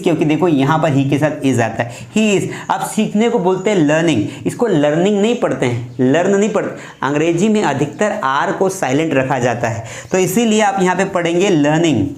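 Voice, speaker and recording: A man's voice: a little high, a little mellow. Man teaching grammar in an echoey room. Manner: explains step by step, repeats examples. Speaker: English teacher. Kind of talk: classroom grammar lesson.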